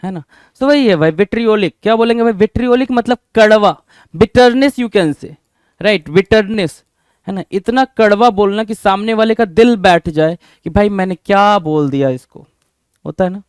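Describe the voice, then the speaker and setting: Energetic high-voiced vocabulary teacher. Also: male voice, normal speed, clean tone, dry recording, clean studio sound. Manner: energetic, drills words with repeated questions. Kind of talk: exam-prep vocabulary lesson.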